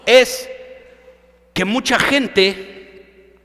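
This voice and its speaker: Male pastor, fervent preacher, sharp bright tone, echoing through a church hall. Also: very high voice, drawn-out words. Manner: emphatic preaching, questions the listener directly. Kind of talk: sermon.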